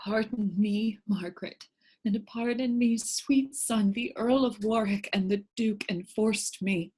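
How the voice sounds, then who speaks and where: A woman playing a meek, sorrowful, gentle king in a Shakespearean verse drama, with a husky voice. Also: medium pitch, measured pace. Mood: apologetic. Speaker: actor in staged reading.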